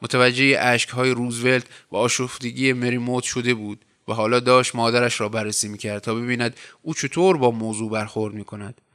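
A man narrating a translated short story in a measured literary reading. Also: medium pitch, sharp tone, clean tone. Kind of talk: scripted audiobook narration.

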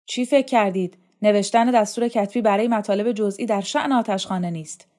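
A woman's voice: mid-range voice, a little mellow, lightly acted. A woman voicing a stern, domineering male official in an audiobook reading. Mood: commanding. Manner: brusque, commanding.

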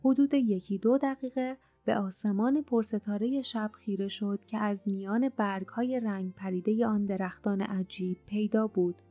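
A woman narrating an audiobook in a calm, measured storytelling voice. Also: medium pitch. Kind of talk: scripted narration. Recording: dry close mic, faint music underneath.

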